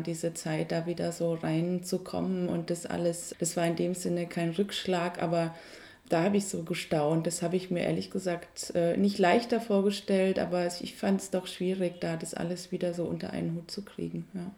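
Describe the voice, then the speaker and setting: With a creaky, dark, fairly low voice, a Franconian woman in her thirties answers an interviewer's questions in her Franconian German accent. The cabaret artist from Franconia, Germany, sounds thoughtful and hesitant, often restarting and filling pauses.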